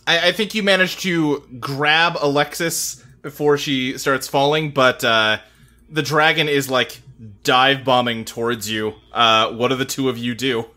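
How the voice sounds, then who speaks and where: A man's voice: medium pitch, fairly even intonation, a little slow, sharp tone. A man improvising narration as game master in a hesitant, conversational way.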